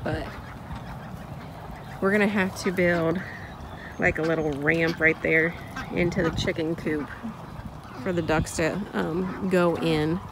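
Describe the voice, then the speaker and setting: A woman casually narrating a farm vlog from an outdoor poultry pen, talking slowly with many pauses and restarts. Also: sits low, fairly even intonation. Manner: slow, unhurried, with many ums and restarts. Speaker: farm vlogger. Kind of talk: casual narration while filming. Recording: outdoor phone audio with clear farm noise. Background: ducks quacking and chickens.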